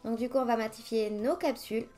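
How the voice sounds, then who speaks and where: Briskly and in a slightly high voice, a nail artist talks through her tutorial step by step. She's chatty and ready to make fun of her own mistakes, and faint music sits under her voice.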